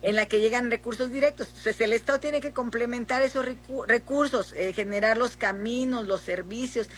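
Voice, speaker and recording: A middle-aged Mexican woman senator answering in a political interview, speaking haltingly with many fillers and restarts. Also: a little high, a crowd in the background. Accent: Mexican Spanish.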